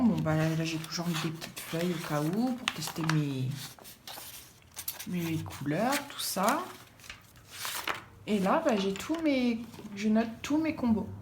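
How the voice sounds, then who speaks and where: A woman's voice: mid-range voice, slight background noise. A woman chatting casually about her art supplies, rambling with many fillers and repeated words. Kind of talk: casual chat.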